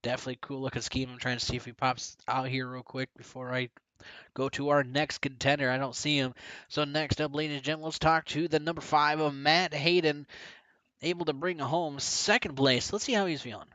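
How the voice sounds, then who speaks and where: A man calling a sim race as play-by-play commentator, talkative and building excitement toward the finish. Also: on the high side, fairly quick, smooth, dry recording.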